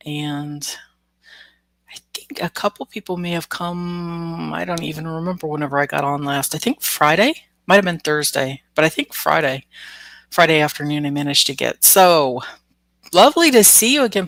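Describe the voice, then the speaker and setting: Flu-congested and nasal, a woman hosts a live stream where she reads oracle cards, chats casually, greets viewers by name, and laughs often. She has a low voice with a fairly bright tone and speaks at a moderate pace, with no room sound.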